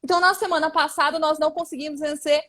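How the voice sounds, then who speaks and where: A woman's voice: high-pitched, fairly even intonation, fast, a bit bright. A woman from southern Brazil with a southern Brazilian accent, a Portuguese teacher chatting through a live exam-prep lesson and explaining step by step.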